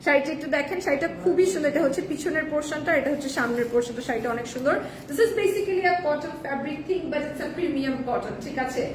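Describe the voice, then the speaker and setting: A hoarse woman hosting a live selling stream, chatting casually and mixing in English phrases, heard in an echoey room with the mic at a distance. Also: high-pitched, fairly quick, hardly any pauses, a little hiss or hum. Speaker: live-sale host.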